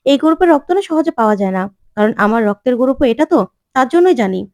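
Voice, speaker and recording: A woman voicing a defiant, quick-tempered young student who talks back indignantly. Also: high-pitched, expressive, darkish tone, dry recording, studio quality. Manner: indignant, argumentative.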